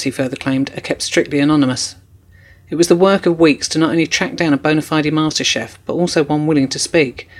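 Male narrator, scripted documentary read, measured formal tone, gravelly edge, slightly high pitch. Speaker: narrator, correspondent.

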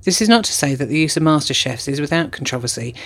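A man narrating as a correspondent in a measured, formal documentary style. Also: on the high side, lively intonation, vocal fry, a bit bright.

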